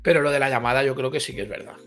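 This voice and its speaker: A man's voice: medium pitch, steady tone, rapid-fire, a bit bright, faint music behind. A man in a casual live chat, talking in a chatty, slangy way with many restarts.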